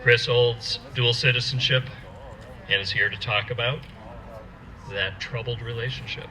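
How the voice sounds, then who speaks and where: A man introducing the next speaker at an outdoor rally in a brisk announcing manner. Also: medium pitch, steady tone, pushed and bright, poor audio. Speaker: rally emcee.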